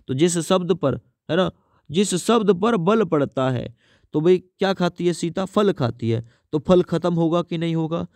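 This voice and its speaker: A male teacher gives an exam-prep grammar lesson, posing questions and answering them himself, repeating a lot, and reading example sentences slowly. His voice is on the high side with a darkish tone, recorded at studio quality with no echo.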